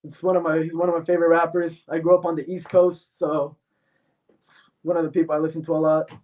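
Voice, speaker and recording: A man's voice: a little high, level tone, fast. A man born in Mexico, a fighter answering interview questions bluntly and confidently, with frequent fillers. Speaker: MMA fighter guest. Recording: tinny phone-like sound from far off.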